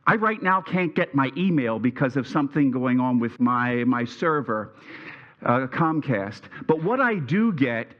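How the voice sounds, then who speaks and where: A middle-aged Pennsylvania man with a Pennsylvania Dutch accent gives a prepared alumni speech in a reunion event hall, stumbling slightly over his words. His mid-range voice swings widely in pitch at a slightly slow pace, and the highs are cut off.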